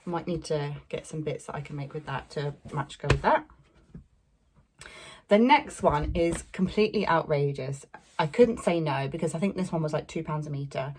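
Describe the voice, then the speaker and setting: Her low, animated voice is a little mellow and slightly rough, moving at a normal speed. She's a young sewing vlogger from England, chatting loosely about fabric she picked up, with lots of fillers and little laughs.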